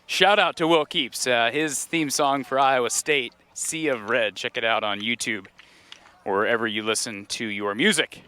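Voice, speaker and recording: A man's voice: mid-range voice, normal speed, bright, forceful tone. Upbeat man reporting live outdoors. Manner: upbeat, chatty, interviews passersby. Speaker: on-scene reporter. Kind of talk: live roving field report. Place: outdoor tailgate lot near a stadium.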